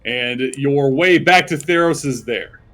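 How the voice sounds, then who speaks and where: A man's voice: unhurried, fairly bright tone, faint music behind, natural voice. A man voicing a haughty, commanding male god of death in a tabletop game. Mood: stern. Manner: haughty, commanding, booming when angered.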